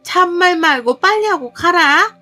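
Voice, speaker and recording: A woman voicing a domineering older mother-in-law who berates her daughter-in-law with shrill contempt. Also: lively intonation, a little slow, bright, forceful tone, soft background music, heavily acted. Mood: furious.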